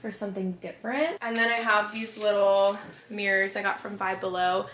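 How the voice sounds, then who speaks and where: In an echoey little bedroom, a woman in her twenties who vlogs about lifestyle sorts through her closet while a nearby camera records her. Her mid-range voice stays steady at a normal pace as she narrates casually and upbeat, sprinkling in plenty of "like" and "literally."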